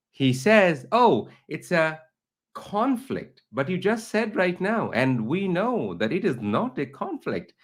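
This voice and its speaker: Middle-aged guy from bangladesh hosting an online interview, earnest, builds long questions, average pitch. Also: a bit bright. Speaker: interviewer, teacher and researcher.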